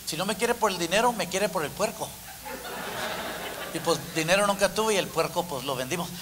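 Animated man telling stage jokes. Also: high voice, fairly quick, background noise. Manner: animated storytelling with stammering repeats. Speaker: comedian. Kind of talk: stand-up comedy.

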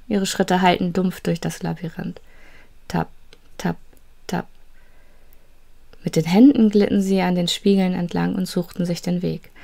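A woman reads a children's fantasy story aloud in a steady, suspenseful way. Her voice sits fairly low and carries a gravelly, creaky texture. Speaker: narrator. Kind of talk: storybook narration.

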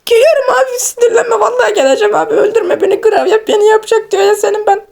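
A man voicing a panicked young man who pleads and whines in a squeaky voice for his life in a cartoon. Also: fairly even intonation, quick pace, creaky, a little mellow. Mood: pleading.

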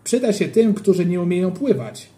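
A reader putting on a cocky schoolboy who taunts his friend, loud and needling. His voice swings between high and low, with a dark, soft tone underneath. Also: very animated, normal speed, close to an everyday voice. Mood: taunting. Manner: taunting, teasing. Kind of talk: audiobook character voice.

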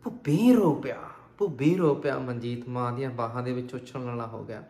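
Expressive male storyteller, roomy echo. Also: medium pitch, fairly quick. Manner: expressive, dramatic, repeats phrases for emphasis. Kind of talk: emotional storytelling narration.

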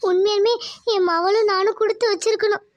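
A woman's voice: extremely high pitch, fairly even intonation, brisk, dry recording, dull audio. A woman voicing an anxious, tender village mother in a cartoon. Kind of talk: cartoon voice acting.

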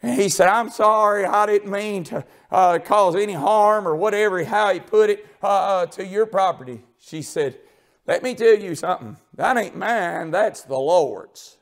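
A man preaching a sermon in a church, swinging from shouted, tearful peaks to a low, confiding storytelling tone with plenty of fillers. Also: moderate pace. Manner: rises into shouted, tearful crescendos, then drops to a low confiding tone; homespun storytelling with many fillers. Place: church sanctuary.

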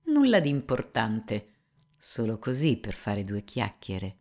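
Woman reading a sneaky servant guy, smooth and slow, kinda oily and fawning, audiobook. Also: extremely low pitch, wildly swooping pitch, a little mellow, full character voice. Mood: insinuating. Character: servile, sly male servant, calm and insinuating.

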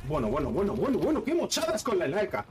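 Spanish guy streaming a shooter, high voice, swears a lot, bit of faint noise behind. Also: quick pace, far from the mic. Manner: excited running commentary with swearing and teasing. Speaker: game streamer. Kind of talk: live gameplay commentary.

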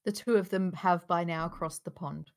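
In a dramatic storytelling style, a woman narrates the stage directions for a table read held over a group video call. Her voice sits fairly low, with a steady tone and a moderate pace, as she reads the scripted narration aloud.

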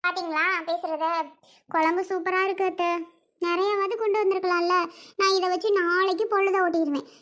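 A woman's voice: very high-pitched, fairly even intonation, brisk, a bit bright. A woman playing a young wife who complains plaintively about her husband. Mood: complaining. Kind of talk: family skit acting.

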